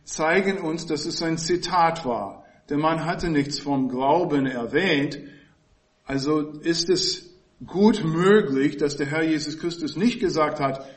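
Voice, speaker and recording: A man teaching from scripture in a slow, deliberate cadence. His voice sits slightly high for a man. He walks through each phrase patiently, pausing to lean on the words that matter. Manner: measured, explanatory, leans on key words with pauses. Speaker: Bible teacher. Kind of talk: expository Bible teaching.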